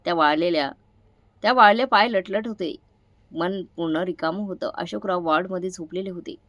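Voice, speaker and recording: A woman reading an emotional story aloud in a dramatic, expressive storytelling style. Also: on the low side, moderate pace, no echo. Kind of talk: scripted story narration. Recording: dry close recording.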